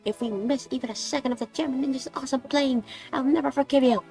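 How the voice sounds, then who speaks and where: A woman voicing an excitable young female thief who is eager, pushy and high-spirited, reading lines from a video game. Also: fast, faint music behind.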